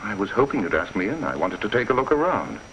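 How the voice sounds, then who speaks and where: An actor playing a shrewd police inspector in a 1950s TV crime drama, measured, dry and quietly probing. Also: male voice, fairly low pitch, big pitch swings, a little hiss or hum. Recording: dull lo-fi 1950s TV soundtrack.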